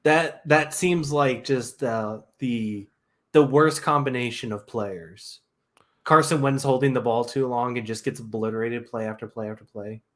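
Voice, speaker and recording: A man's voice: medium pitch, a little slow, fairly bright tone. A man co-hosting a sports podcast, chatting casually and joking about football. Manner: joking, laughs between points.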